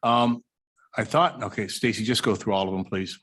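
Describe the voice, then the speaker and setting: Halting man presenting slides. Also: on the low side, a bit bright, husky. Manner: halting, with many uh fillers. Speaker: highway district director presenting. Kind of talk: slide presentation at a public meeting. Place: city hall meeting room.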